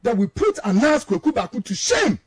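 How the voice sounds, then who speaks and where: A Ghanaian man with a high-pitched voice delivers heated political commentary as a radio show guest, switching between English and Twi. He talks fairly quickly with huge pitch swings, sounding combative, emphatic and indignant, and repeats words for emphasis.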